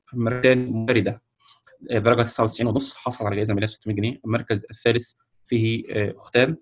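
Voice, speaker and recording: A man with an Egyptian Arabic accent announces the winners of a Quran memorization course on a video call, speaking slowly and hesitantly, with many fillers and restarts. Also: mid-range voice, little pitch movement. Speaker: ceremony host announcing winners. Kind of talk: ceremony announcement. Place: online video call presenting a screen.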